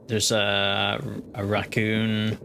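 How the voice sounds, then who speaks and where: A man's voice: fairly low pitch, completely flat delivery, drawn-out words, sharp tone, slight background noise. A man streaming a game live, chatting casually and rambling with lots of restarts. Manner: rambling, full of fillers and restarts. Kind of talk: casual gaming livestream chat.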